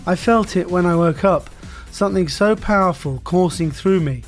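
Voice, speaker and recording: A man reading out a gaunt, unkempt twenty-year-old who talks to himself in a nasal voice, breathless with excitement. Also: high voice, moderate pace, faint music behind. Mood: excited.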